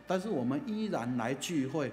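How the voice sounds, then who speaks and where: A man's voice: mid-range voice, normal speed, slight background noise. Male preacher, Taiwanese Mandarin accent, chatty storytelling sermon, echoey church hall, faint ambience. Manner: chatty, animated, frequent filler particles.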